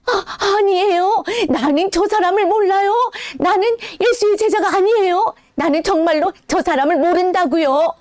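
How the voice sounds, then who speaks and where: A woman's voice: high voice, normal speed, darkish tone, voice pushed up, lightly acted. A woman voicing Peter, an eager, emotional male disciple in a children's Bible story, speaking earnestly and pleadingly. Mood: flustered.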